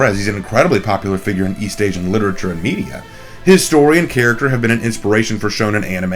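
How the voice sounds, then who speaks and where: A male video host narrates a scripted explainer in a mid-pitched voice. He sounds a little off from a cold, and faint music plays behind him. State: slightly off voice from a cold.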